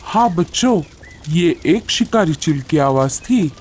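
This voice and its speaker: A woman voicing a caring, protective mother bird in a cartoon, speaking softly and soothingly. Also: deep voice, lively intonation, slow, slightly rough, exaggerated voice.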